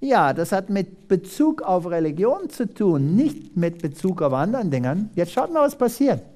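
A preacher from South Africa delivers a dramatic sermon with scripture readings. The voice swoops widely in pitch, pausing for rhetorical questions and pressing each point home. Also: very animated, dark tone. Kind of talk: animated sermon with Bible reading.

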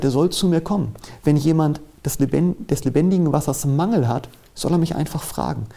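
A man preaching a sermon in German, reading Bible verses aloud with earnest, measured emphasis. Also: mid-range voice, creaky, mellow.

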